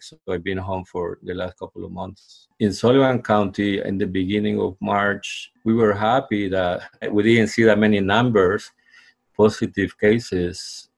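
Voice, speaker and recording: A man's voice: low voice, vocal fry. A man from El Salvador who works as a union organizer, answering interview questions hesitantly and with frequent fillers.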